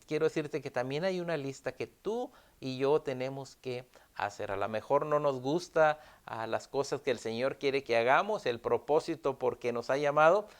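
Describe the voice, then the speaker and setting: Man preaching in a clear voice. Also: mid-range voice. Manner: earnest preaching, repeats key phrases, fills pauses with "ah". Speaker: pastor. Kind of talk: sermon.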